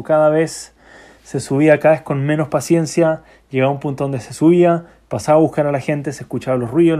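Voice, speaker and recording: A man's voice: fairly high pitch, a little mellow. A man giving a storytelling religious talk, slipping Hebrew and English phrases into his speech.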